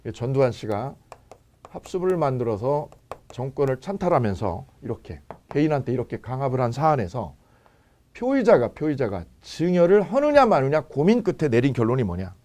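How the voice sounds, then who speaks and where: A man's voice: medium pitch, big pitch swings, fairly quick, a little mellow. A man teaching a law lecture for exam prep, firing rhetorical questions and repeating key phrases.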